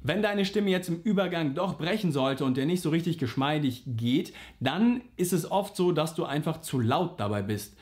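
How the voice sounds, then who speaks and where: Male vocal coach, slightly high voice, patient, plain explanations. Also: expressive, moderate pace, hardly any pauses, a little mellow. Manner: patient, explains simply, demonstrates sung vowel slides. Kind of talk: singing lesson to camera.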